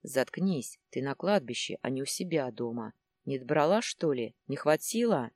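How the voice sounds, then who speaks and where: A woman's voice: extremely low pitch, animated, normal speed, a little mellow, no echo, clean studio sound, full character voice. A woman reading the part of a worried, complaining middle-aged husband in a storybook. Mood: scornful.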